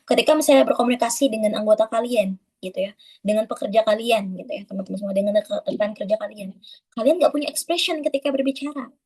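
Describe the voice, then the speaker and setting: Fast-talking woman giving a lively lesson. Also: on the high side, breathy edge, rough recording. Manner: chatty, addresses listeners as friends, demonstrates flat and lively delivery. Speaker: webinar speaker. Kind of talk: casual instructional talk.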